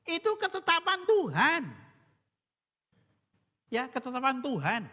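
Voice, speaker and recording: Priest giving a retreat talk, high bright voice, jokey and animated, long echo of a big hall. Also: male voice, takes it slowly. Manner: animated, humorous, mixes in Javanese phrases. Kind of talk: spiritual recollection talk.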